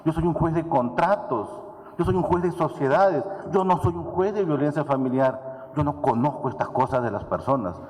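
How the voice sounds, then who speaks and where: A man, a judge, telling a personal story in a public speech, with dramatic repetition and slow emphatic pauses. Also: on the high side, lively intonation, darkish tone. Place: large event hall. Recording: long hall reverb.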